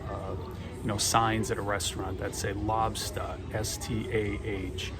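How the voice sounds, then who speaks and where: Flat and unhurried, with a fairly low pitch, this middle-aged vlogger from Boston speaks in a Boston accent as he rambles through a casual storytelling monologue full of dry humor. Music and gate announcements over the airport PA sound around him in the terminal.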